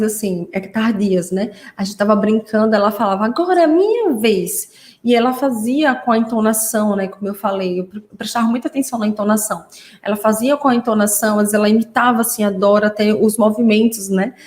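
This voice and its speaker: A woman's voice: mid-range voice, fast. A woman speech therapist teaching parents in a live online class, explaining patiently and often checking in with "né?". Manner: warm explanatory, frequent "né?" tags. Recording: roomy echo.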